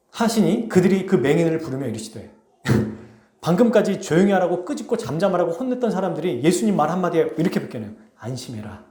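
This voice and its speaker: A man preaching a sermon as pastor, telling a story with lively, questioning delivery to his congregation. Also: fairly high pitch, reverberant. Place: church sanctuary.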